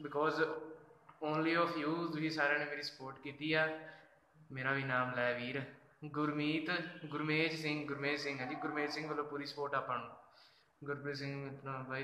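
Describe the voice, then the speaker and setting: Bright-voiced man on a live stream. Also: a little high, roomy sound, a little hiss or hum, rough recording. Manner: casual, thankful, greets fans by name. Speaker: social media singer doing a live fan chat. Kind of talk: live stream chat reading fan messages.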